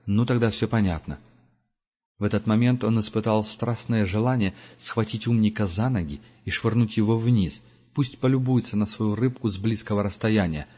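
A man narrating an audiobook in a measured, steady storytelling manner. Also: on the low side. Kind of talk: scripted narration. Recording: dull lo-fi audiobook recording.

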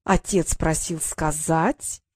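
Woman playing a mocking boy, taunting, slow sing-song, dry close sound. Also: medium pitch, expressive, a little mellow, no echo. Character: teasing older brother, a mocking boy.

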